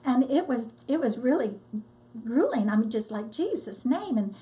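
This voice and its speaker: An older woman, a disaster relief volunteer, telling her story in a lively, casual way and acting out what people said. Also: fairly high pitch, moderate pace. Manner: lively storyteller, acts out quotes. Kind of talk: casual testimony.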